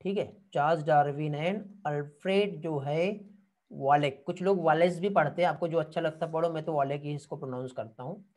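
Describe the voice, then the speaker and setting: Speaking at a normal speed in a voice on the high side with a darkish tone, a male teacher lectures on biology for online exam prep. He calls his students "beta," often checks with "theek hai" whether they understand, and answers what they write in the comments.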